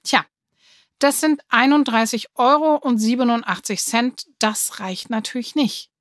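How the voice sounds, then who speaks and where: A woman's voice: on the high side, unhurried, no echo, studio quality, lightly acted. A woman doing a patient shop cashier. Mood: matter-of-fact. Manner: friendly, matter-of-fact.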